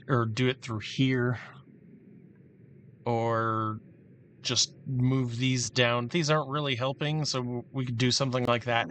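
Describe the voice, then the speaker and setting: A man giving casual, halting commentary while he plans a build in a game, thinking aloud with many restarts. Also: mid-range voice, fairly bright tone, slight background noise. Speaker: gameplay commentator.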